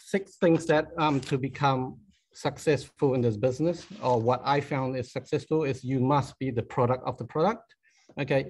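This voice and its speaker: A man's voice: mid-range voice, a little mellow. A man with a Malaysian accent giving an informal, chatty motivational business talk with a self-deprecating touch and short emphatic phrases. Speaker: conference guest speaker.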